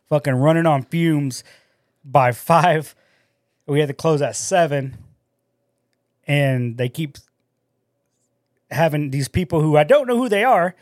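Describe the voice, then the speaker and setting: A man co-hosting a casual podcast, rambling through work stories in an animated way and swearing a lot. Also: fairly high pitch, dry recording, clean studio sound. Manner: rambling, profane, animated storytelling. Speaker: podcast co-host and store manager.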